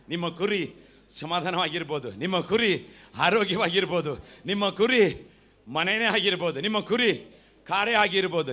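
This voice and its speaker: A man with a Kannada accent preaching a sermon as pastor, calling on the congregation to answer and repeat after him. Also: on the high side. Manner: animated preaching with call-and-response.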